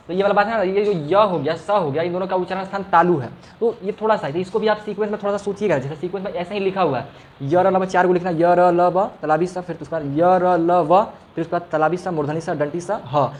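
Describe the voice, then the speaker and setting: A man's voice: high-pitched, brisk, a little hiss or hum. A male teacher giving a classroom lesson, patiently explaining and repeating each sound for the students. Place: classroom with a fan running.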